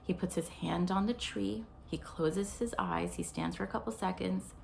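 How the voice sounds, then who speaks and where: A woman's voice: medium pitch, normal speed, vocal fry, darkish tone, slight background noise. A woman hosting a short therapy video, telling a story in a friendly, conversational way. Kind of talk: storytelling explanation for viewers.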